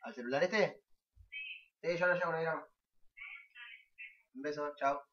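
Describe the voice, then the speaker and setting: A man's voice: a little high, normal speed. A young man with an Argentine accent telling a casual anecdote in a profane, exasperated rant. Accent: Argentine Spanish. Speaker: vlogger. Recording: dull lo-fi, distant mic.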